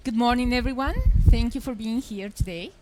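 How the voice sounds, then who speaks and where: A middle-aged woman from Chile, giving a lively, emphatic conference presentation from a stage microphone. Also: on the high side, a little fast, slight background noise, low-quality recording. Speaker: journalist, conference speaker. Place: expo hall stage.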